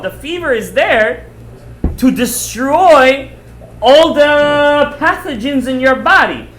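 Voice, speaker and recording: Guy rabbi giving a lively torah lecture, keeps repeating and asking questions, hebrew words mixed in, some room noise. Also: high-pitched, reverberant. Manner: rhetorical questions, emphatic repetition, Hebrew terms mixed in. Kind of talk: animated religious lecture to students.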